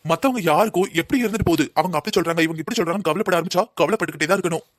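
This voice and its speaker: A man's voice: high-pitched, very fast, no room sound, studio quality. A man voicing a patient cartoon husband. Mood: calm. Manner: soothing, explaining. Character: calm patient young husband. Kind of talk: cartoon voice acting.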